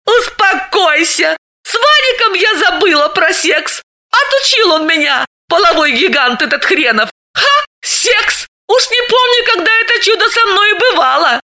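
Picture a brash, bawdy woman friend, as an audiobook reader puts her on, her voice shooting up high and sharp. She yelps and cackles, swinging wildly up and down as she jokes. The reading is bright and forceful. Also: sing-song, moderate pace, heavily acted. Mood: excited, indignant. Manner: squealing, shouting, laughing through the lines. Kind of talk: audiobook character voice.

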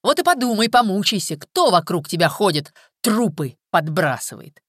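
A woman reading an audiobook, voicing a bitter young man who shouts abuse. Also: mid-range voice, sing-song, normal speed, no room sound, clean studio sound, pitched above the performer's own voice. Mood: mocking. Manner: snarling, abusive, shouting. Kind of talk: audiobook character voice.

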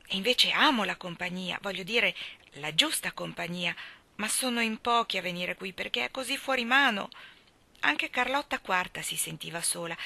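A woman reading an audiobook, voicing a gentle, lonely woman in her forties who speaks softly and earnestly with a bashful edge. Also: mid-range voice, creaky, full character voice. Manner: soft, earnest, a little bashful. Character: gentle lonely woman of forty-five, whimsical, shy.

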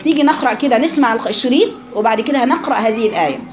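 An Egyptian woman teaching a live recitation class, her voice set a little high. She drills each letter sound over and over and quizzes her students as she goes. A crowd of students can be heard clearly behind her. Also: very fast.

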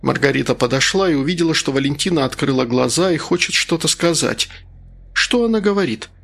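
A man reading an audiobook in an even, steady, scripted narration. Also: medium pitch, quick pace, creaky, husky.

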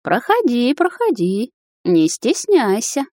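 A woman doing a creaky, scheming old witch. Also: on the low side, animated, unhurried, a little mellow, dry recording, clean studio sound. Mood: cooing. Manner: cooing, then shrieking in rage.

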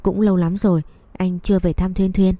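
A woman voicing a calm, gentle young woman in a read-aloud story. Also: on the low side, brisk, dry recording, lightly acted. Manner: gentle, reminding.

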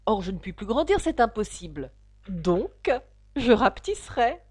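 A woman's voice: mid-range voice, sing-song, normal speed, slightly rough, no room sound, studio quality. A woman voicing a clever, determined young girl talking things through to herself in a storybook reading. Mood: musing.

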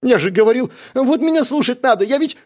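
A man voicing an eager, dim-witted young lackey in an audiobook, talking excitedly. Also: high voice, slow, breathy edge, voice pushed up, heavily acted. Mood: boastful. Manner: excited, boastful. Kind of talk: audiobook character voice.

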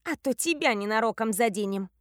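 Casting: woman voicing a tiny jealous sect girl, hissing, high voice, dry close sound. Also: lively intonation, fairly quick, no room sound, natural voice. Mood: spiteful. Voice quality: hissing, snapping. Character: small spiteful jealous young woman, sect member. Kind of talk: audiobook character voice.

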